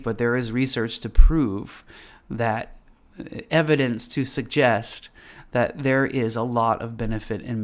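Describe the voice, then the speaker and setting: A man speaking as a meditation teacher in a casual live class, explaining informally with pauses and repeated phrases. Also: mid-range voice.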